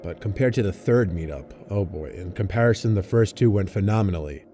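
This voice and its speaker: A man's voice: deep voice, animated, brisk, mellow, soft background music. A man reading a scripted first-person story as a narrator.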